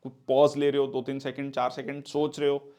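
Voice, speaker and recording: A man teaching interview body language, mixing Hindi and English and filling pauses with "theek hai" as he demonstrates gestures. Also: medium pitch, monotone, dark tone. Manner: demonstrates gestures while explaining. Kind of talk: interview coaching lecture.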